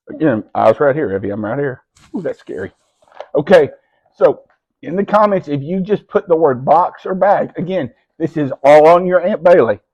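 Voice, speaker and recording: Playful and teasing with a child, a middle-aged man hosts an informal live stream at home, frequently lowering to a hushed voice. He sounds a little high and slightly rough, and the audio is dull.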